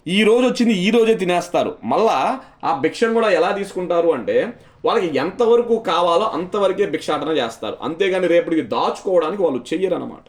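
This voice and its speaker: A male teacher giving an exam-prep lecture, repeating key terms and quizzing his students with questions. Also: fairly high pitch. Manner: mixes English words into speech.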